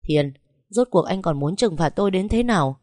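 A woman's voice: on the low side, animated, normal speed, a little mellow, no room sound, studio quality, lightly acted. A woman voicing a hurt young wife who pleads and accuses. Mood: accusing.

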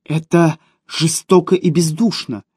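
A man's voice: a little high, steady tone, unhurried, a little mellow, slightly rough, no room sound, studio quality. A man voicing a cowardly, hypocritical male official who whines and protests for an audiobook. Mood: frightened. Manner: whiny, indignant. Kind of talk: audiobook character voice.

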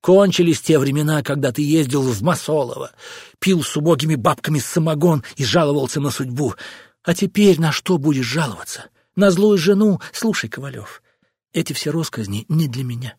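Brief: male narrator doing a sharp-tongued mocking wife, husky and dry, audiobook character. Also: on the high side, lively intonation, normal speed, no echo, pitched above the performer's own voice. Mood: scolding. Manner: mocking, scolding. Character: scornful middle-aged wife, sharp-tongued and bitter.

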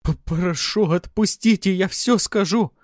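A man's voice: high-pitched, unhurried, dry recording, studio quality, voice pushed up. A man voicing a terrified, wounded young male bandit who stammers and screams in panic. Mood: panicked pleading. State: screaming in pain.

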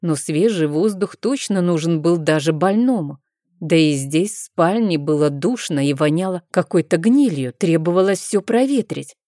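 Woman reading an audiobook, soft and measured, lowish mellow voice, dry close mic. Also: animated, dry recording. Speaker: audiobook narrator. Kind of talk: first-person audiobook narration.

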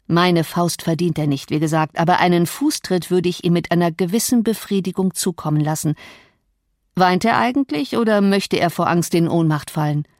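A woman's voice: lowish voice, normal speed, a little mellow, dry recording, lightly acted. A brooding, vengeful man, read by a woman in her own voice, taunts with mocking threats. The audiobook recording is dry and close. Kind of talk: audiobook character reading.

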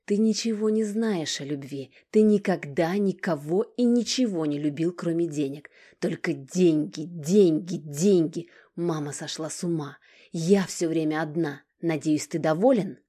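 A furious young woman, bitter and cutting, her lines coming out loud and sharp, as a woman reads her in a storybook. The voice sits low and husky with a mellow tone. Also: a little slow.

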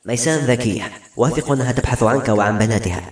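A man voicing a firm, steady male novelist in an audiobook. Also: medium pitch, very fast, lightly acted. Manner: firm and controlled. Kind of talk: audiobook narration. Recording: roomy echo.

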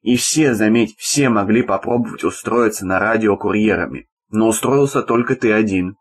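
A man's voice: fairly low pitch, normal speed, breathy edge. A man voicing a stern, sardonic middle-aged male boss who lectures in a dry, blunt way. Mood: lecturing.

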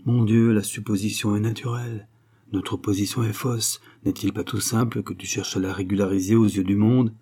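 A moody, self-absorbed young poet in a storybook reading, voiced by a man in a low, husky tone. He talks glibly, with a forced cheerfulness, his voice dark and mellow. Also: level tone, normal speed. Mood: dismissive. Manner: glib, falsely cheerful. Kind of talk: audiobook character reading.

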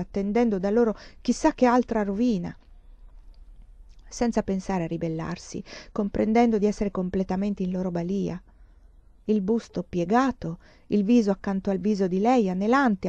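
A woman reads a literary novel aloud in a measured, expressive way. Her voice sits at an ordinary middle pitch. The recording is dry and a little dull in tone. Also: no echo. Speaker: audiobook reader.

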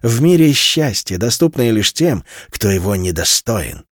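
A man reading a novel aloud as narrator, in an expressive, measured way. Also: on the low side, no room sound, clean studio sound. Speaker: audiobook narrator. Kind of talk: scripted literary narration.

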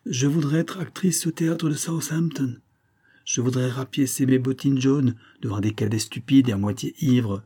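A man's voice: medium pitch, moderate pace, warm tone, breathy edge, pitched above the performer's own voice, lightly acted. Man voicing a weary, spiteful lady. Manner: weary, sardonic, impatient. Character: bored, spiteful married woman with a cruel streak.

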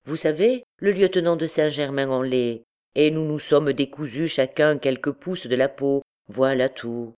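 A woman's voice: rumbling low, unhurried, darkish tone, clear, resonant tone. A woman voicing a young army captain who answers in an offhand, evasive way.

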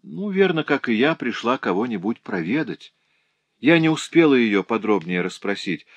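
A man's voice: medium pitch, sing-song, normal speed, vocal fry, no echo, highs cut off, pitched above the performer's own voice. A man voicing a cheerful, tender-hearted young working woman in an audiobook, chattering eagerly and emotionally. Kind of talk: audiobook character voice.

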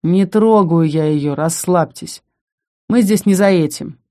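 A woman's voice: lowish voice, fairly even intonation, takes it slowly, dark tone. A woman voicing an arrogant young male senior student who speaks mockingly and condescendingly.

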